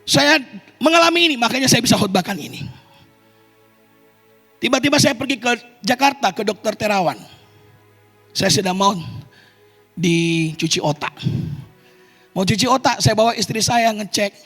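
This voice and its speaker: A man's voice: high voice, expressive, normal speed, long pauses, fairly bright tone. A male pastor preaching a sermon in a church, emphatic and calling out to the congregation. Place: church service hall. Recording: echoey church hall with faint music.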